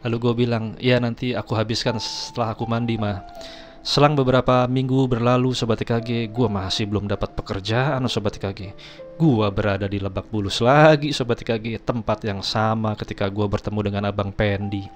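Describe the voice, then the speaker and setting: A man's voice: fairly low pitch, fairly even intonation, brisk, soft background music. A man casually telling a personal story, chatty, keeps addressing his viewers. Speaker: storyteller host.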